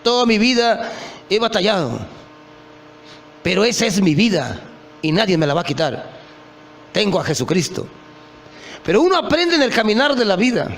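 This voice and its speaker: A man's voice: high voice, big pitch swings, normal speed, pauses often, a bit bright, slight background noise. A man preaching an impassioned sermon, often calling out to his listeners as brothers.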